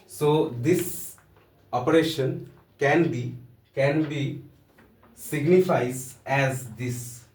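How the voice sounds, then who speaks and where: Speaking from a distance in a room with a roomy echo, a man with an Indian accent teaches a casual, joking lesson in loose, hesitant phrasing. His voice is a little high and darkish in tone, and he talks very slowly with long pauses.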